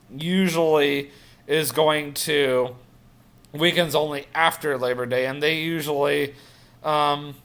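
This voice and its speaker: A man's voice: on the high side, fairly bright tone. Rambling young man chatting on a vlog. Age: 20s. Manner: chatty, rambling, with frequent fillers and self-corrections. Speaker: vlogger. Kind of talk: rambling personal vlog update.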